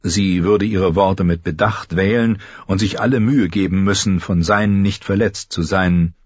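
A man's voice: deep voice, steady tone, normal speed, slightly rough, no room sound, lo-fi sound. A man narrating an audiobook expressively, voicing every character himself. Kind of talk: scripted narration.

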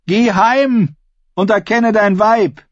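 A man's voice: high-pitched, slow, dry recording, dull audio, voice pushed up. A man voicing a bold, mocking young woman who teases a crowd of sea captains in an audiobook. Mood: rousing. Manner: teasing, cocky, commanding.

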